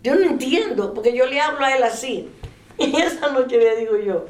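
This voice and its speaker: An older woman telling a faith story in a relaxed interview. She laughs often and trails off mid-sentence. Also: high voice, moderate pace. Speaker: interviewee sharing a faith testimony. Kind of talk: casual storytelling. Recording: echoey room.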